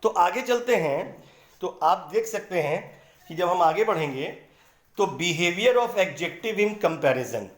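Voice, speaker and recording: A man teaching English grammar in a patient, explanatory way, repeating words slowly to break them into syllables. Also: high voice, echoey room. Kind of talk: explanatory lesson in Hindi.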